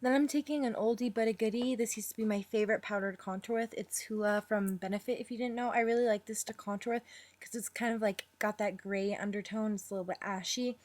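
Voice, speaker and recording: A young woman talking casually through her makeup routine in a voice-over, chatty and rambling, with fillers and quick apologies. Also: mid-range voice, a little mellow, dry recording. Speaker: makeup vlogger.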